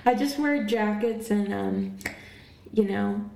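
Gravelly woman co-host in a roomy echo. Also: medium pitch, slow, background noise. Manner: chatty, laughs often. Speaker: podcast co-host. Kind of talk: casual chat.

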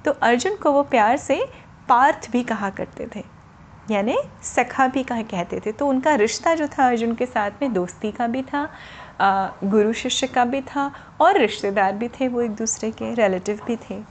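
A woman narrates a story to children in a gentle, explanatory manner, pausing with small fillers. Her voice sits fairly high. A faint ambient hum is heard behind her.

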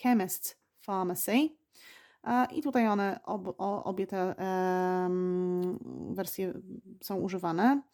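A woman hosting a podcast lesson, speaking slowly and patiently and repeating each word for learners. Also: lowish voice, fairly even intonation, dark tone. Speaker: English teacher and podcast host.

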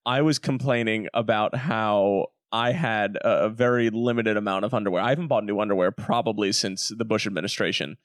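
A man's voice: on the low side, a little fast, hardly any pauses, no room sound, clean studio sound. A man co-hosting a casual podcast, teasing and rambling through jokes with his co-host. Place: home room called Florida room.

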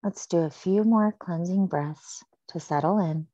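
A woman leading a guided breathing meditation, speaking slowly and softly with long pauses. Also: fairly low pitch, no echo, lo-fi sound. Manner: slow, soft and soothing with long pauses.

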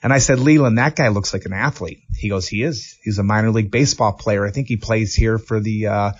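A man's voice: fairly low pitch, a little fast, breathy edge, dull audio. A man hosting an interview in an office, telling stories with enthusiasm and acting out what people said. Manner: enthusiastic storyteller, acts out quotes. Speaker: interview host, former hockey player. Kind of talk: casual interview.

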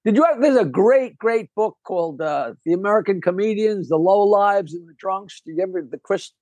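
An older male comedian with a fairly high-pitched voice tells stories in a loose, rambling way, laughing and restarting mid-sentence. He is recorded close and dry, with no room sound. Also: normal speed, no room sound. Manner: lively, rambling storyteller who breaks off and restarts with a laugh. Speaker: guest comedian. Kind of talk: casual storytelling interview.

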